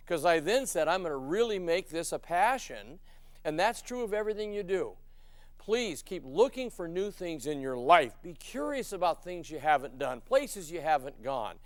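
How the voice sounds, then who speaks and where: A man's voice: high voice, no room sound. An older man giving a folksy, emphatic motivational sales lecture, asking his listeners questions as he goes. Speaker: sales trainer.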